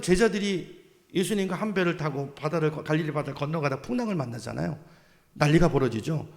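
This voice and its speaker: A man preaching in a high, gravelly voice that carries a long church reverb. He keeps putting questions to his congregation and drives his points home with emphatic exhortation. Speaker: pastor. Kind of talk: sermon. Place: church sanctuary.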